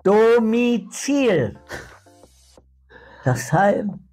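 Older male game player, overly loud from headphones, swinging pitch, halting single-word guesses. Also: very animated, soft background music. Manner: talking too loudly with headphones on, guessing word by word. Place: small indoor room.

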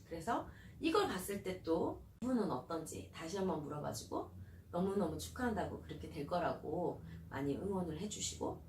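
Woman counselor giving parenting tips, really animated, pitch all over the place, echoey room, mic kinda far. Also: creaky. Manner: animated, acts out questions to a child. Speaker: child counselor. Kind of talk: parenting advice talk. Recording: roomy, distant mic, faint hiss.

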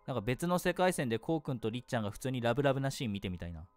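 A man doing let's play commentary on a game, excitable and gushing, laughing often. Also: mid-range voice, very fast, faint music behind. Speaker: game streamer.

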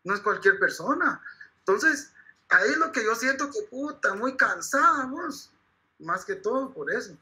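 A man's voice: very high voice, big pitch swings, measured pace, pushed and bright, rough recording. Rambling, profane Guatemalan man. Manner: rambling, profane, keeps saying "vos". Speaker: interviewee, actor of the film. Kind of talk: crude comedic slang-heavy rant.

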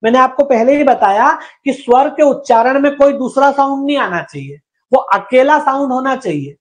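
A man's voice: very high-pitched, expressive, moderate pace. A man teaching Hindi grammar in an exam-prep lecture, who asks and answers his own questions, repeats each point and sounds out syllables for students to copy.

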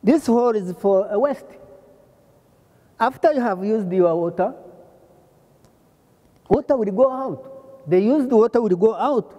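Slow older man teaching plumbing. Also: sits high, warm tone, in a large hall. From Rwanda. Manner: repeats phrases, pauses often, demonstrates parts. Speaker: plumbing instructor. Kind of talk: slow hands-on trade lesson. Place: large workshop hall.

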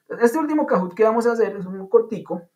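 Over a video call with dull, lo-fi audio, a man with a high, darkish-toned voice talks fast and with lively intonation. He's teaching an online English class, explaining patiently in a chatty way and drawing playful comparisons.

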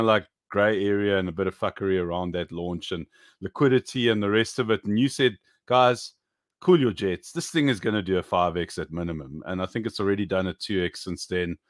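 A man in his thirties co-hosting a casual crypto chat on a video call, animated and emphatic, swearing casually. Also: on the low side, no echo, clean studio sound. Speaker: co-host. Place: home room. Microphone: webcam video call.

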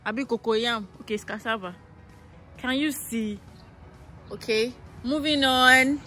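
A young Nigerian woman talks casually into a phone held at arm's length as she walks outdoors. Her voice sits a little high and her talk is slow and unhurried. Faint music plays under her. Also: bright, forceful tone. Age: young adult. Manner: chatty, laughing, switching into pidgin. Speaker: vlogger. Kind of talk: casual vlog walkthrough. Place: outdoors in a rural neighborhood.

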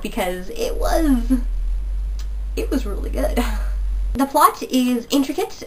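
Recorded roughly and from a distance, this young woman in her twenties speaks on the high side. Congested from a cold, she enthusiastically chats about a book in a casual video review, sitting indoors in a small bedroom decorated with posters.

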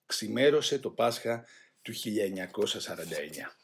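A man reading a first-person memoir aloud in a grave, measured way. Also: on the low side, animated, a little hiss or hum. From Greece. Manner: grave, measured, voicing shouted quotes louder. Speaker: audiobook reader.

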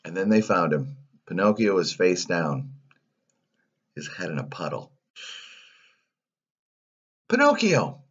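A man reading a children's story aloud, animated, with playful asides. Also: sits low, breathy edge, dull audio.

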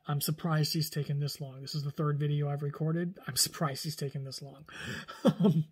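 Talking a little fast with a breathy edge to his fairly high voice, this forties vlogger chats casually to camera from a small home room. It's an animated, rambling talking-head piece full of hand gestures, restarts, and self-corrections.

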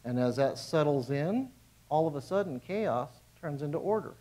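A man's voice: a little high, expressive, moderate pace, warm tone, rough recording. A man, a pastor, preaching a conversational sermon in a church, emphatic and informal, repeating his phrases.

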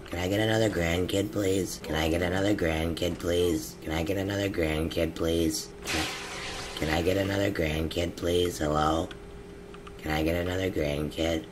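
A man hosting a game role-play, joking loudly and laughing as he plays. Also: low voice, noisy background. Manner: loud, laughing, joking outbursts. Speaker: gamer host.

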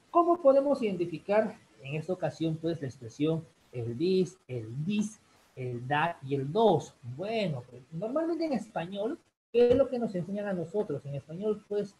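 A man's voice: high voice, a little mellow, slight background noise, low-quality recording. A young man, teaching an English grammar class live online in a chatty way, repeating "chicos" and "bien" often.

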